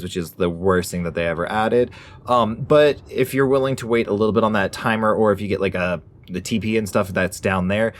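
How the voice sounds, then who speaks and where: Man, lowish voice, rapid pace, top ten countdown delivery, informal gaming host, casual commentary. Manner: informal, folksy phrasing.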